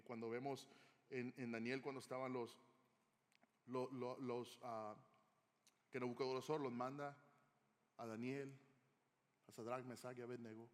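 A male preacher delivering a sermon in a church hall, telling stories dramatically and swinging from loud to hushed. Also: medium pitch. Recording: long hall reverb.

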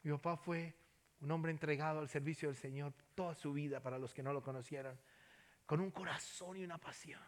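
A man preaching a sermon, telling a personal story and then appealing to listeners, going from soft near-whispers to loud passionate calls. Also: fairly high pitch, fairly even intonation, a little fast. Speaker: pastor.

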